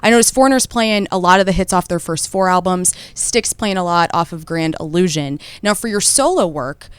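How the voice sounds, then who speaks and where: A woman's voice: lowish voice, a little fast, clear, resonant tone, no room sound. A woman radio host asking upbeat questions in an interview.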